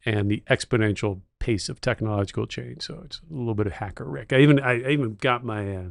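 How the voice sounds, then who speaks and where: A middle-aged man co-hosting a podcast, with a gravelly, fry-edged voice. He speaks at an ordinary pitch and tells stories with keen enthusiasm, and the sound is dry and close with no room echo. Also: quick pace. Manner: enthusiastic storyteller, techno-utopian. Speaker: podcast co-host. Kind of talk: casual chat.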